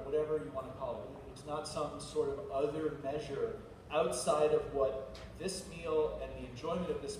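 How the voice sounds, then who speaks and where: A man speaking as a sommelier on a panel, thoughtful and rambling with many restarts. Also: fairly high pitch. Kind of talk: panel discussion. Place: large glass-walled event hall. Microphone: far camera. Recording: echoey hall from far off, noisy.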